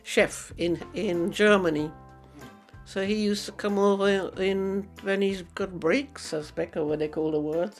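A woman in her eighties from Guyana, chatting in an interview about her life, with easy laughs and halting restarts. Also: medium pitch, fairly even intonation, soft background music. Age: 80s. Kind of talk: casual reminiscing interview.

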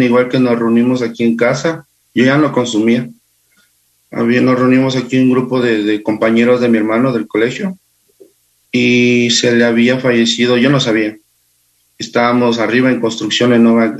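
A man guest recounting personal experiences in a halting, unhurried way. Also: medium pitch. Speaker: interview guest. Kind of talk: personal storytelling.

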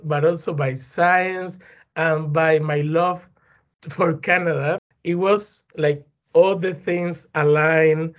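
A man, answering interview questions as a guest in an earnest, halting way with many fillers. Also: a little high. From Cuba. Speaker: guest, plant pathology professor. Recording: dull lo-fi sound.

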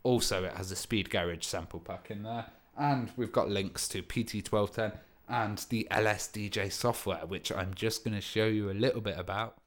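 A man with a fairly low voice hosts a music livestream as a DJ. He chats informally and explains things in a loose, rambling way. He is using headphones as his microphone. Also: fairly even intonation, normal speed. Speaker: DJ and music show host. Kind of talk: casual livestream chat. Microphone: headphones used as a microphone.

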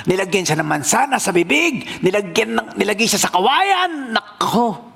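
A man from the Philippines, a pastor telling a story in a sermon in a playful, animated way. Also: high voice, moderate pace, gravelly.

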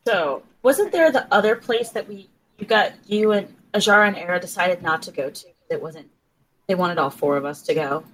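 A woman's voice: on the low side, moderate pace, rough recording. Woman player, blunt and casual, some swearing. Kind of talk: casual chat at a tabletop game.

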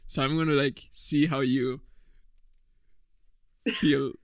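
A man's voice: medium pitch, steady tone, slow pace, clean tone, dry recording, studio quality. Chatty young man hosting a podcast. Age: 20s. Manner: chatty and rambling, laughs often. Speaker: podcast host. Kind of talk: casual chat.

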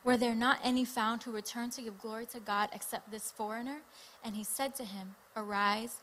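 A woman delivers a sermon in short, deliberate phrases, stopping after each one so it can be translated. Her voice is bright and sharp, sitting a little high. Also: fairly even intonation, a little hiss or hum. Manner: reads scripture aloud, pausing for translation. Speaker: preacher. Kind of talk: sermon with interpreter.

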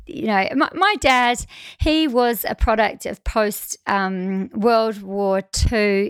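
A woman in her forties, a guest in a casual conversation, who talks in a chatty, expressive way, laughs often and acts out the voices she quotes. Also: mid-range voice, smooth, no room sound. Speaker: podcast guest.

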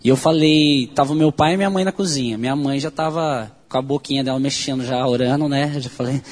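A man with a Brazilian Portuguese accent gives an earnest, emotional personal testimony, full of halting restarts. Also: medium pitch. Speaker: speaker giving a testimony.

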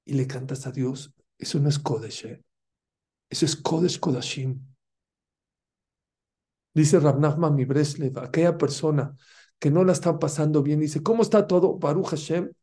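Fervent male preacher, mellow voice. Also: fairly high pitch, moderate pace. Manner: fervent, rhetorical questions to listeners; mixes Hebrew terms into his talk. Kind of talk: Torah lesson.

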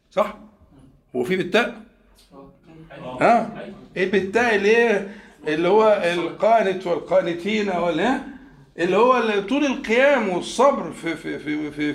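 Egyptian male teacher, higher register, lectures in an echoey room, quizzes the class, stretches key words. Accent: Egyptian Arabic.

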